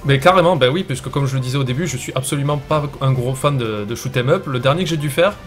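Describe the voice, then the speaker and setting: A man's voice: mid-range voice, fast talker, faint music behind. A man hosting a gaming show, commentating his own play in a casual, self-mocking way.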